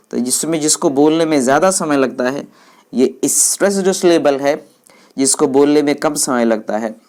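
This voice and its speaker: Slow, low-voiced woman teaching English. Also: a little mellow. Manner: explains slowly, repeats each English phrase in Hindi; addresses viewers as friends. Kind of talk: Hindi-English classroom explanation.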